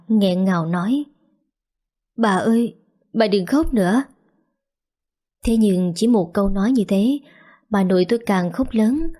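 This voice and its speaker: A woman reading a sorrowful first-person novel aloud in a slow, steady narration. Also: mid-range voice, breathy edge. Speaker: audiobook narrator.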